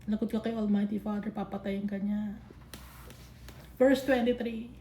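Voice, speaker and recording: A woman's voice: medium pitch, fairly even intonation, moderate pace, mellow, slight background noise. A woman teaching a casual Bible study in mixed Tagalog and English, chatty and scolding, laughing often. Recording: echoey room.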